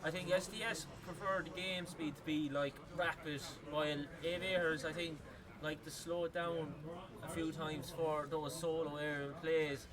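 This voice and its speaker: An Irish man commentating a live esports match in an arena, his voice sitting a bit high. He talks loosely with plenty of fillers and gets loud and excited when a goal goes in. A noisy crowd fills the background. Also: normal speed. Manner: excitable, rises to yelling on big plays, many "like" fillers. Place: gaming arena venue.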